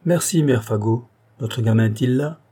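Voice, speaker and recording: A man's voice: medium pitch, moderate pace, warm tone, natural voice. A man voicing a simple-hearted young village man, plaintive, earnest and tearful. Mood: grieving.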